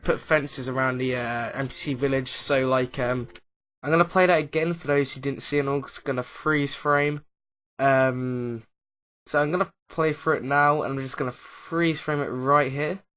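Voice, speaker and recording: A man with a middle-pitched voice talks casually over his own game footage. He hesitates constantly, filling gaps with uh, um and like. He often loses his thread and restarts a sentence. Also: a bit bright. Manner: hesitant, lots of uh and um fillers; rambling, loses track mid-sentence. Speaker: YouTuber, Minecraft Let's Player. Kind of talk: casual commentary over gameplay.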